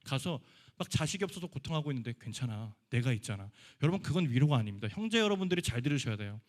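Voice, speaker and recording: A man's voice: fairly high pitch, lively intonation, very fast. A young man giving a conversational sermon to a youth congregation in a church hall. He speaks casually and acts out the quoted lines of people in the story. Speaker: youth pastor.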